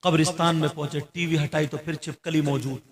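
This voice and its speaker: A man preaching an Islamic sermon as a dramatic story, swinging from quiet telling to loud shouting. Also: a little high, fairly even intonation, brisk.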